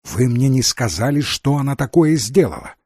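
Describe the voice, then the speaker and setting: A man's voice: mid-range voice, sing-song, moderate pace, a little mellow, breathy edge, no room sound, clean studio sound. A man reading the part of a tense, defiant young husband who speaks in a curt, insistent way.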